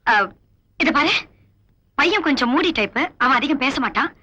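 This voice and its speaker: A woman's voice: high voice, lively intonation, normal speed, pushed and bright. An actress playing a stern, honest woman police officer who speaks firmly and scolds, in 1990s film dialogue. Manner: firm, scolding, commanding. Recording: dull old film soundtrack.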